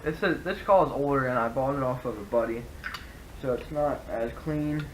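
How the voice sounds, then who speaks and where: A man's voice: medium pitch, normal speed, slight background noise, poor audio. A man giving a casual, rambling product review, often correcting himself as he explains. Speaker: hunting gear reviewer.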